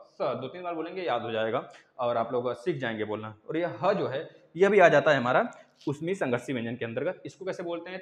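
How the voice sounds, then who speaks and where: A man teaching grammar in an online exam-prep lesson, repeating sounds aloud and asking and answering his own questions. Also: fairly high pitch. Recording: echoey room with long reverb.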